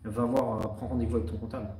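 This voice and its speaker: A man's voice: mid-range voice, level tone, quick pace, mellow, distant mic, a little hiss or hum. French-accented man, casual live q&a, direct and informal, echoey room, off mic. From France. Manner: direct, informal, many fillers. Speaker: real estate investor answering live questions. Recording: roomy sound from off the mic.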